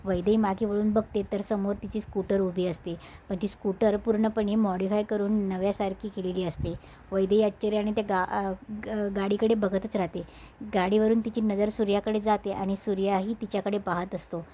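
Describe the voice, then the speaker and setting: A woman retelling a TV serial episode in plain storytelling, stumbling and restarting now and then. Her voice is mellow and dark-toned. It stays flat and even in pitch throughout. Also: normal speed, slight background noise. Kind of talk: episode recap narration.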